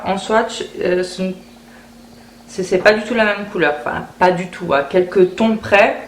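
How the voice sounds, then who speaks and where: A woman chatting casually through a beauty haul video, often repeating words as she thinks aloud. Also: mid-range voice. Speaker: beauty vlogger. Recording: roomy echo, faint background hiss.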